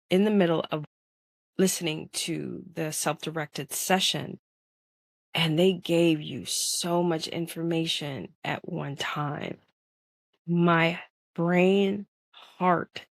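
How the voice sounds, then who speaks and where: Woman podcast host, lowish voice, dry close sound; earnest, emphatic, talks straight to the listener. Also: no echo. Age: adult parent. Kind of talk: personal monologue.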